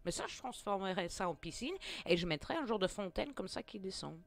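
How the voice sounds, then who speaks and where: With a creaky, mid-range voice and a slightly quick pace, a young female gaming creator narrates a let's play. She's expressive and jokey, exclaiming constantly and laughing a lot.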